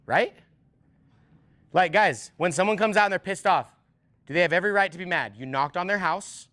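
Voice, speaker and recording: A man giving an energetic sales training talk, emphatic and repetitive, acting out door-to-door pitches. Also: normal speed. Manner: emphatic, repeats points, acts out door-to-door dialogues.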